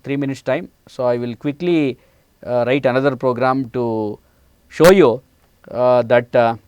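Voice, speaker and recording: A middle-aged man with an Indian English accent teaches a programming class, pausing often on "uh" as he walks through each step. His voice is smooth and clear, recorded close and dry in a studio. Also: mid-range voice, a little mellow, no room sound. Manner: many hesitant "uh" fillers, explains step by step. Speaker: programming lecturer. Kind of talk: classroom lecture. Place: studio set, indoors.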